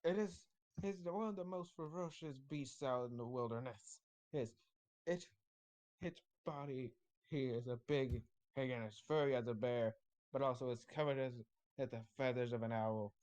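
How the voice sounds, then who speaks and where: A man serves as game master at a tabletop session, describing the scene in a casual, off-the-cuff way. He often stumbles and restarts mid-sentence. His pitch sits at an ordinary middle level for a man. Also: normal speed, darkish tone.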